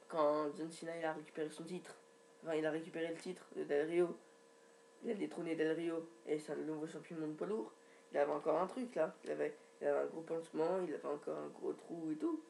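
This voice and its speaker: A man's voice: fairly high pitch, fairly even intonation, fairly quick, vocal fry, darkish tone, slight background noise. A man giving a casual, rambling recap from his home computer, with many restarts and fillers. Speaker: wrestling recap vlogger.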